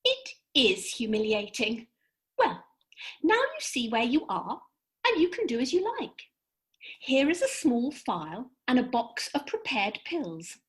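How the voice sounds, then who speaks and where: A woman plays a lofty fairy in a comic radio play, her high, fairly bright voice sing-song and swooping dramatically. She lectures in brisk, precise, theatrical phrases, sounding instructive and grave.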